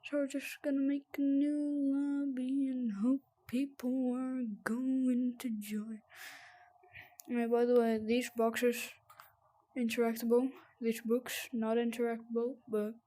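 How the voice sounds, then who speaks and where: A gamer giving casual, sweary VR gameplay commentary in a halting, rambling way that repeats words, with audible heavy breathing. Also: medium pitch, little pitch movement, mellow. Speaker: gamer presenting a VR game tutorial.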